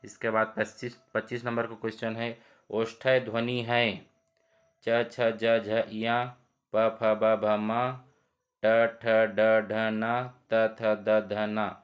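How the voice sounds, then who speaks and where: A man's voice: fairly low pitch, completely flat delivery, slow pace, muffled recording. A man teaching as he reads quiz questions and options aloud and explains each answer step by step. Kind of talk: exam quiz lesson.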